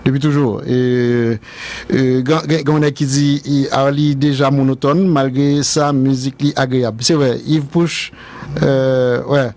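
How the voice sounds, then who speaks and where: A man's voice: medium pitch, level tone, measured pace, darkish tone. A man with a Haitian accent co-hosting a casual radio chat, mostly chiming in with short agreements. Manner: brief agreeing interjections.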